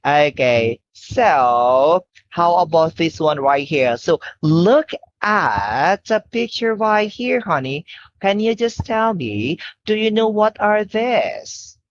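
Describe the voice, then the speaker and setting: A woman's voice: fairly low pitch, expressive, slow pace. A woman teaching a one-on-one English lesson to a young child, encouraging and modelling simple phrases as if talking to a toddler. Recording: dull, noisy lo-fi class recording.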